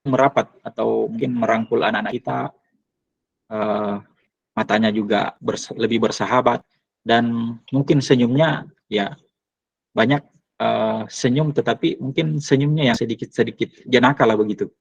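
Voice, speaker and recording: A man presenting to teachers, speaking hesitantly with many pauses and fillers. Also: medium pitch, fairly even intonation, vocal fry, husky. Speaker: teacher trainer. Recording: dull lo-fi recording.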